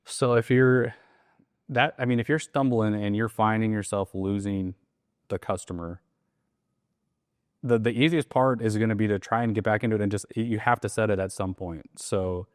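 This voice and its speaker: Laid back guy walking thru a sales script, low voice, kinda acts out the calls. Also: normal speed, clean tone, no echo, clean studio sound. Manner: relaxed, acts out sales calls with quoted lines. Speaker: real estate wholesaling coach. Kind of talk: casual teaching conversation.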